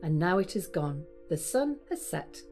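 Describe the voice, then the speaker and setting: Steady-paced spacecraft captain, gentle music behind. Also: female voice, on the low side, measured pace. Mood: calm, guiding. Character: calm female spacecraft captain guiding tour passengers. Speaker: tour guide narrator. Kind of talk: scripted planetarium show narration.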